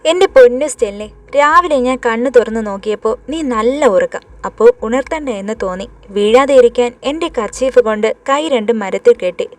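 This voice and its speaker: A cheerful young man who teases his friends with easy playfulness, voiced by a woman storyteller. His voice sits a bit high for a man, in a storybook horror tale. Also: expressive, moderate pace, few pauses, lightly acted. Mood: teasing. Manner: teasing, playful.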